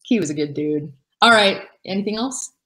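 A woman co-hosting a business webinar in a casual, excited, upbeat way. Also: mid-range voice, moderate pace. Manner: excited, upbeat, says she is yelling. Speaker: webinar co-host.

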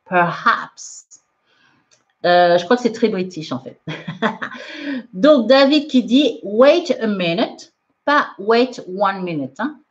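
A woman's voice: medium pitch, animated, slow. A woman teaching English in a live online lesson, reading out viewers' comments and correcting them in a chatty way with frequent laughs, mixing French and English. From France. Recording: dull lo-fi livestream audio.

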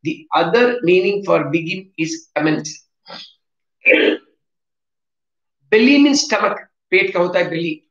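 A man, teaching vocabulary in a slow, repetitive way and switching into Hindi to explain. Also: sits high, expressive. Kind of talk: classroom lesson on vocabulary. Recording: echoey room, dull lo-fi sound.

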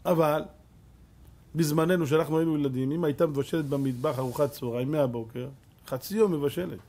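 A middle-aged man, a rabbi, giving a Torah lesson as an animated storyteller who acts out voices. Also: a little high.

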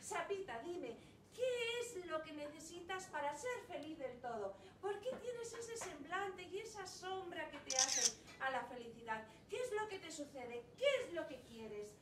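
A woman's voice: very high-pitched, expressive, unhurried, hardly any pauses. A woman doing a pleading mother frog queen. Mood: coaxing. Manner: pleading, sing-song. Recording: echoey room, distant mic, ambient noise.

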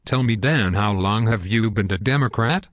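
A man's voice: on the low side, normal speed, no echo, clean studio sound, lightly acted. A synthetic male voice playing a smug, belligerent parody news anchor in a scripted cartoon newscast, stiff and pompous.

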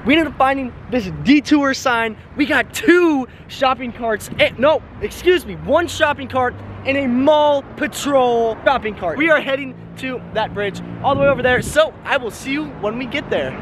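Excitable young man vlogging outdoors. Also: extremely high pitch, normal speed, hardly any pauses. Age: young adult. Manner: excitable, laughing, joking. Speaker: host. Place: outdoors by a busy road and bridge. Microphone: action camera, chest mount or held at arm's length. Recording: outdoor camera audio with traffic noise. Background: traffic and outdoor noise.

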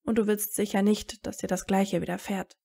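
A woman's voice: medium pitch, flat delivery, moderate pace, vocal fry, mellow, breathy edge. A woman voicing a determined teenage wizard hero with a blunt, sarcastic way of talking in a fan audiobook. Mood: blunt, tense.

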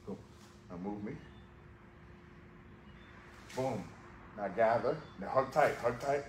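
A man speaking slowly in a lowish voice coaches judo in a large gym, giving short commands and repeating his cues. The hands-on session is picked up by a floor-level camera, with echo and background noise all around.

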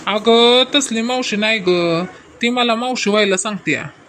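A woman's voice: fairly high pitch, measured pace, fairly bright tone, a little hiss or hum. A woman playing a sheepish, stammering husband. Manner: hesitant, stammering, placating. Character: bumbling middle-aged husband, sheepish and evasive. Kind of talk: comic skit acting.

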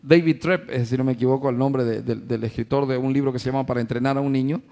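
A man's voice: medium pitch, fairly even intonation, fast talker, warm tone. A male pastor preaching a sermon to his congregation, addressing them as brothers, asking rhetorical questions and acting out everyday family scenes.

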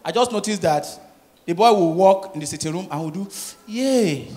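A man with a Nigerian accent performing a stand-up comedy set, telling stories with lively acted voices. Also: high-pitched, a little fast, background noise. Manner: animated storytelling, switching into Nigerian Pidgin and acted child voices. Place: live comedy stage with audience.

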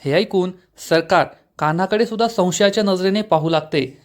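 High-voiced man narrating a recap. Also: normal speed. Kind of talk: scripted narration.

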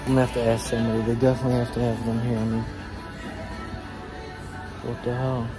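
Talking fast and flat at a medium pitch over music, a young man addresses his vlog viewers casually to camera. He thinks aloud, using slang and some mild swearing. It's a handheld vlog recording with clear background noise.

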